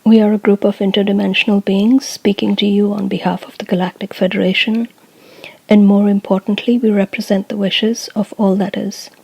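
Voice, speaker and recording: A channeler speaking as a group of light beings reads a scripted spiritual message for guided meditation in a formal, solemn, measured way. Her pitch stays extremely flat and steady, with vocal fry and a breathy edge. The low-quality recording is dry and close, with very little room around it.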